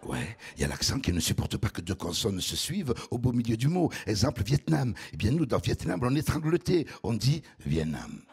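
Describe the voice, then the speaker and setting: A man putting on a deep, velvety voice with a Toulouse accent, slow and mock-solemn. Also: very animated, creaky, darkish tone, husky, heavily acted. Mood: warm mock-solemn.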